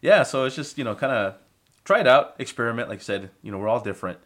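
A man's voice: mid-range voice, lively intonation, fast talker, a bit bright. A man chatting casually in an easygoing, agreeable way. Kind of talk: casual chat.

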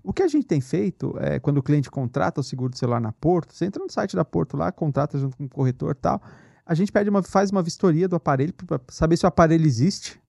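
A man's voice: on the high side, expressive, fast, vocal fry, warm tone, dry recording, clean studio sound. A man with a Brazilian Portuguese accent, an insurance executive explaining things as a guest in a casual podcast interview, often checking "entendeu?". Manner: explanatory, many fillers like "entendeu?" and "né?".

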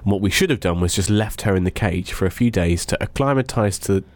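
A man, co-hosting a casual podcast and chatting about his memories, quick to laugh. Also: lowish voice, no room sound. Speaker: podcast co-host. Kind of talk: casual chat.

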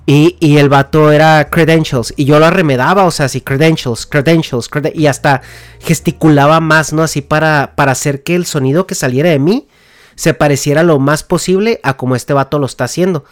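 A man's voice: fairly high pitch, fairly quick, no echo. A man with a Mexican Spanish accent, hosting a podcast and explaining things casually with slang, fillers and restarts. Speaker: podcast host.

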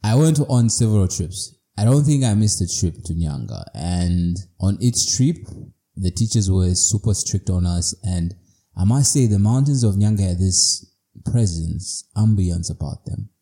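A man's voice: low voice, animated, a little slow, warm tone. A man from Zimbabwe, hosting a podcast in a reflective personal monologue, playful and self-mocking. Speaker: podcast host.

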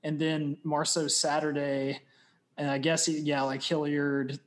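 A man in a casual sports chat, talking quickly and eagerly as he works through game strategy. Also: on the high side, level tone.

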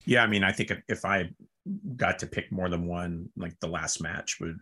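Low husky guy rambling through an old story, bright edge to his voice. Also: steady tone, normal speed. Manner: rambling anecdotes with frequent fillers and laughs. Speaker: record label founder, guest. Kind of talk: casual interview storytelling.

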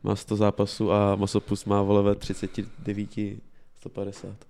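A man with a low, gravelly voice and a dark, mellow tone chats casually about football on a podcast. He speaks flatly and evenly, with plenty of slang and a laid-back manner. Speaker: podcast co-host.

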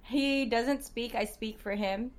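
A woman's voice: on the high side, slow. A woman co-hosting a live-streamed chat podcast. She teases her co-host, laughs often and reads viewer comments aloud.

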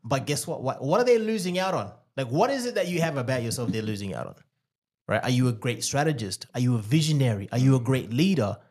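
Husky-voiced Australian man, emphatic. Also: mid-range voice, animated, fast talker, darkish tone. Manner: emphatic, repeats points, storytelling. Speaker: podcast co-host, former dating coach. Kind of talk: casual podcast chat.

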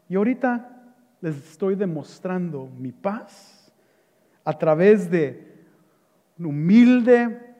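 A man voicing a humble, assured king who speaks softly, lower and quieter than his preaching voice. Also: big-room sound.

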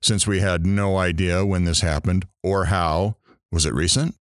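A man's voice: sits low, steady tone, a little slow, no echo, clean studio sound. A man playing a talk show host, brash and teasing, hamming up each surprise.

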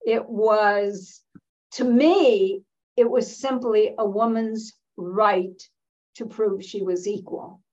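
Slow, emphatic older American woman. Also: medium pitch, a little mellow, highs cut off. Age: 70s or older. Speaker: interview guest, veteran feminist activist. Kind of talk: reflective interview conversation.

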